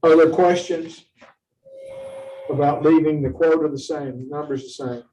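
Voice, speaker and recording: A commission chairman with a slightly high, warm voice runs a formal meeting with procedural questions and remarks, speaking a little slowly in a steady tone. The mic is distant, with faint noise.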